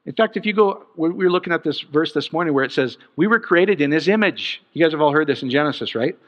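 A middle-aged man preaching a sermon in an animated, joking way, often breaking into laughter. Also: a little high, very fast. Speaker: pastor. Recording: dull sound in a long-reverb hall.

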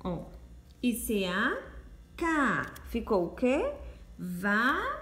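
A woman's voice: on the high side, big pitch swings, takes it slowly, reverberant. A Brazilian woman teaching a recorded phonics lesson to young children from home, sounding out letters in a coaxing, sing-song voice. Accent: Brazilian Portuguese. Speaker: primary school teacher. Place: home room. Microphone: phone or home camera, voice only.

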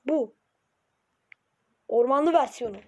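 A woman giving excitable, slangy reaction commentary as a YouTuber, yelping whenever something scares her. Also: sits high, takes it slowly. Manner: excitable, jumpy and slangy, yelps when scared. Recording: loud background noise.

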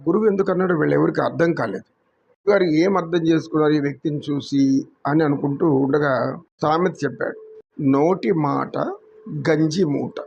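A man with a Telugu accent, a yoga teacher telling a moral story in an unhurried, preachy way. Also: a little high, steady tone, gravelly, a little mellow, dull audio, slight background noise.

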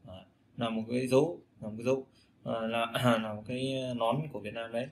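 A man's voice: mid-range voice, steady tone, fast, a little hiss or hum. A man teaching English vowel sounds in a casual spoken lesson, repeating each sound again and again to demonstrate it.

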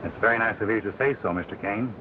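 An actor, playing a polite, earnest young sheriff in a 1930s western. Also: male voice, lowish voice, fast talker, natural voice. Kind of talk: 1930s film western acting. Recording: tinny noisy 1930s film soundtrack.

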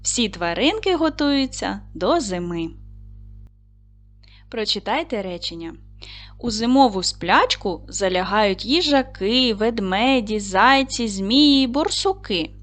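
A woman's voice: on the high side, animated, takes it slowly. A woman teacher talks patiently to young children in a lesson, speaking straight to them. Her voice rises and falls a great deal. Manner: patient, addressing children directly. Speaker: primary school teacher. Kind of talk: online lesson for second graders.

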